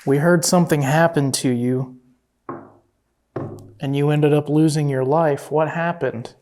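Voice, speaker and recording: A paranormal investigator calmly coaxing and questioning an unseen presence during a night investigation. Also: mid-range voice, unhurried, slight background noise.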